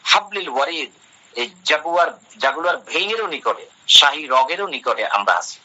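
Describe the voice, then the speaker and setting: A man's voice: on the high side, bright, forceful tone, breathy edge. A man giving a religious talk, translating Arabic phrase by phrase and asking and answering his own questions. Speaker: Islamic lecturer. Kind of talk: religious talk explaining Quran verses. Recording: dull lo-fi sound.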